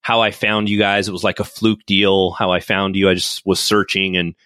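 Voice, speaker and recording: A man's voice: sits low, little pitch movement, normal speed, sharp tone, smooth, no room sound. A man hosting a casual podcast interview, chatty and upbeat with many fillers and restarts. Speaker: podcast host.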